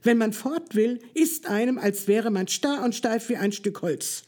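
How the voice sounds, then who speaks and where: A reader voicing an excitable young boy in a storybook reading. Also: mid-range voice, measured pace, lightly acted. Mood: excited. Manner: eager, indignant exclamations.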